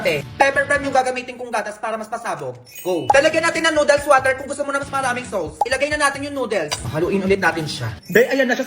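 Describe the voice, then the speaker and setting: A high-pitched woman talks chattily and exclaims as she cooks in a comedy skit. Music plays clearly behind her.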